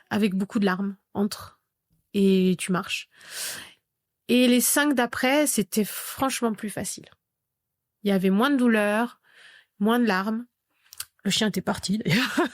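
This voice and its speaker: A woman in her thirties recounts a personal experience as a podcast guest, with a mid-pitched voice. She tells it vividly and acts out the remembered dialogue. The recording is dry and close, with no room echo. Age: 30s. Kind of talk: personal storytelling in a podcast interview.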